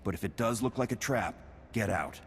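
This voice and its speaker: A man gives a lightly acted performance as an earnest, grave Republic military commander at an ice outpost in a science fiction video game. His intonation is lively at normal speed and his mood grave and decisive. Boomy hall reverb and noisy game ambience fill the recording.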